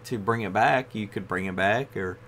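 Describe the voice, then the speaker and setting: Laid-back low-voiced man reviewing cards. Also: normal speed, fairly bright tone, a little hiss or hum. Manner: rambling, with frequent "you know" fillers. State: tired, yawning. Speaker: card game video host. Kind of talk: casual card review.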